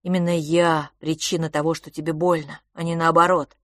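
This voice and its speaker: A woman's voice: deep voice, level tone, moderate pace, fairly bright tone, no room sound, studio quality. A woman voicing Philipp, a frail and sickly boy who speaks bitterly and wearily, with sighs. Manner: bitter, sighing, subdued.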